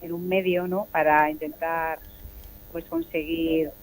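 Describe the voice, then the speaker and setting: Mujer al teléfono, oyente en directo, busca las palabras, zumbido eléctrico suave. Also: female voice, sits low, flat delivery, slight background noise. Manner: halting, searches for words with many restarts. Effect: heard over a live phone call. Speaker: caller. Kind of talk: live call-in question on a radio show. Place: somewhere with some background noise.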